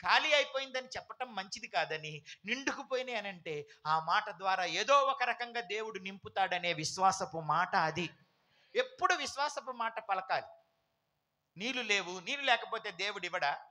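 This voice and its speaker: A man's voice: high voice, animated, moderate pace, pushed and bright. A man preaching a sermon as pastor, emphatic, with repeated phrases and rhetorical questions.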